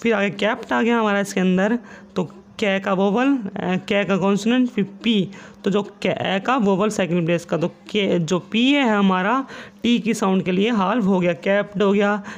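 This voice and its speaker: High-voiced man teaching shorthand. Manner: slow, repetitive explaining, reading rules aloud haltingly. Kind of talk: casual online lesson.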